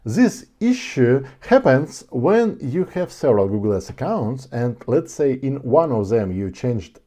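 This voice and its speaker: An online ads instructor, a Ukrainian native speaker, walks through a screen-share tutorial step by step in non-native English, gesturing with his hands. His mid-range, dark-toned voice is very animated at a measured pace. He's in a dark studio with blue backlight, wearing a small lapel mic.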